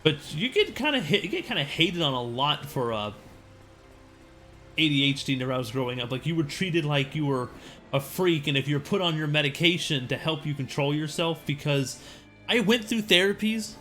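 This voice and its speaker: A man's voice: fairly high pitch, animated, normal speed, fairly bright tone, soft background music. A man streaming a game and chatting casually, rambling with frequent restarts. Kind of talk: casual chat while gaming.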